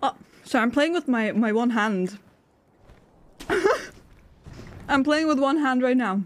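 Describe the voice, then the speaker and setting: A woman's voice: sits high, measured pace. A woman streamer chatting casually with her viewers while she eats and plays a game. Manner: chatty, eating while talking, laughs often. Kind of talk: casual live-stream chat while gaming and eating.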